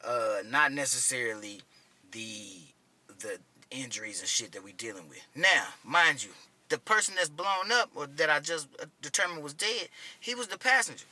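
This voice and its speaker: Bright-voiced man telling a war story. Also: mid-range voice, expressive, normal speed. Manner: profane, conversational, keeps asking "you know what I'm saying". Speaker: army medic veteran telling war stories. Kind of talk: casual first-person storytelling.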